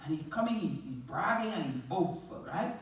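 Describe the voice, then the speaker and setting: High-pitched and at a normal pace, this man speaks with a Trinidadian accent as a motivational speaker entertaining a live audience in a large hall. Expect frequent laughter, animated stories, and questions thrown to the listeners. His voice comes from far off in an echoey room.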